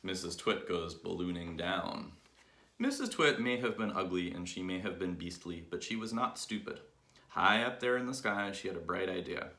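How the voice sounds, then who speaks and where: A man reading a children's book aloud with lively, expressive storytelling, in an echoey room. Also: deep voice, moderate pace. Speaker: reader.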